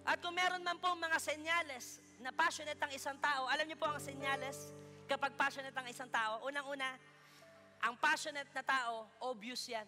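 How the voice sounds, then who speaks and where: High-voiced Filipino pastor preaching. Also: male voice, moderate pace, faint music behind. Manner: lively preaching with playful asides to the congregation. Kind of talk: sermon. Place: church hall.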